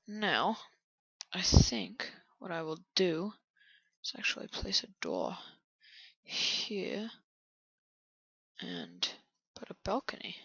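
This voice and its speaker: A man quietly commenting on his own game build, often half-whispering to himself. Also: high-pitched, huge pitch swings, takes it slowly, creaky, pauses often, breathy edge, dry recording, highs cut off. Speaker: channel host building in a video game.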